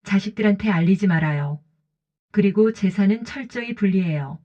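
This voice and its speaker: A woman's voice: medium pitch, lively intonation, moderate pace, warm tone, lightly acted. A woman voicing a cautious, lonely woman in her late fifties who talks in short, plain sentences, on a dull lo-fi recording. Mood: firm. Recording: dull lo-fi audio.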